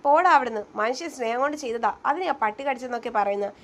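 A woman voicing a feisty, sulky young wife in a spoken story, quick to bristle. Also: a little high, lively intonation.

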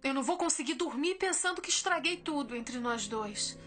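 An actress playing an anxious wife in a dubbed telenovela, muttering fretfully to herself. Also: female voice, high-pitched, expressive, normal speed, over music. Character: anxious young wife searching for her husband.

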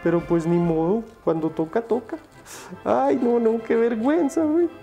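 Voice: moderate pace, mellow, lo-fi sound, soft background music, lightly acted. A narrator doing a whiny, spirited young princess. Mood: fretting. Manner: whiny, indignant, high-pitched.

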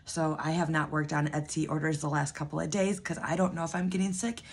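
This budgeting vlogger speaks in a deep, breathy voice with little pitch movement and a fairly quick pace. She's a woman in her thirties chatting to camera at home, losing her voice and rambling through ums and false starts.

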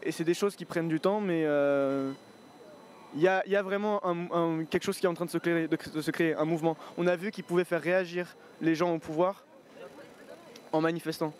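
Speaking into a handheld mic in a city square, a man in his twenties gives a thoughtful, hesitant street interview full of fillers as he shares a reflective opinion. His voice is a little high and steady in tone, his pace slightly quick, with some background noise.

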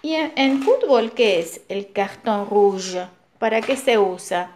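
Animated woman reading to small children. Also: medium pitch, slight background noise. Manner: slow, animated, sing-song storytelling. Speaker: teacher reading to young children. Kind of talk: read-aloud children's story.

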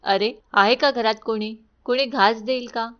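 A woman's voice: medium pitch, normal speed, close to an everyday voice. A woman voicing an angry, poor old woman with a stick who scolds bitterly in a storytelling recording. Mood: pleading. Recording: dull lo-fi recording.

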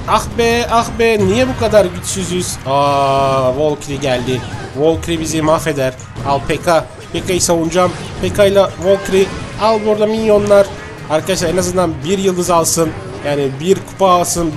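A man giving excited gameplay commentary, cheering his units on and venting frustration at losses. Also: sits high. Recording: game music behind voice. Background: game music.

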